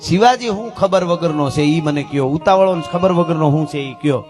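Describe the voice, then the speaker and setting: A man's voice: a little high, normal speed, music in the background, close to an everyday voice. A man voicing an earnest, determined young warrior king in a spoken folk story. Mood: pleading. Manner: earnest, pleading then vowing firmly.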